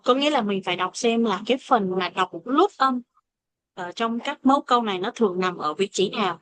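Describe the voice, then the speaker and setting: A woman teaching an English pronunciation lesson, speaking English with a Vietnamese accent and slowing down to model example phrases. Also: on the high side, a bit bright, dry recording. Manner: switches between explanation and slow modeled English examples. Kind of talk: classroom lesson explaining pronunciation.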